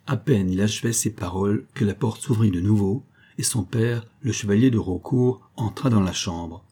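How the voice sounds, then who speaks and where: A male narrator reading a historical novella aloud at a measured pace. His voice is low, with a dark, mellow and husky timbre.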